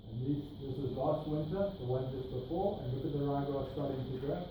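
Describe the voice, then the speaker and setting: In a meeting room with a projector screen, a middle-aged man with a South African accent explains slides to a workshop group and points out details. He talks fairly quickly at a medium pitch. Picked up by a distant camera with no microphone, the sound is echoey, with room noise.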